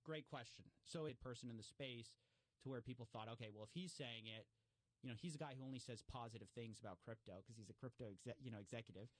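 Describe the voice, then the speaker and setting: A man talking casually as an interview guest. He explains fraud cases with lots of fillers and restarts, and he jumps higher when he acts out what other people said. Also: fast, no room sound. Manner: animated, acts out quoted remarks with raised pitch. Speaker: guest commentator on fraud stories.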